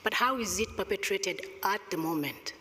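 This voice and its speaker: Speaking into a gooseneck table microphone on a conference stage, this middle-aged Rwandan-accented woman makes a deliberate, emphatic case with pointed rhetorical questions. Her medium-pitched voice is bright and forceful with lively intonation, and the reverberant hall recording has a little hiss or hum.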